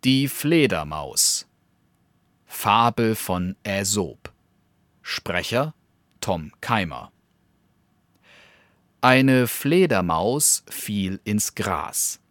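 A man narrating a fable in a slow, measured storytelling voice. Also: on the low side, very animated, fairly bright tone, no echo. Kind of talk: scripted fable reading.

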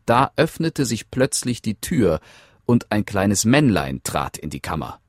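Low-voiced guy reading a fairy tale, slow and lively, dry close mic. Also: husky, dry recording, faint music behind. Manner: slow, expressive storytelling. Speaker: audiobook narrator. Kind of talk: scripted fairy-tale narration.

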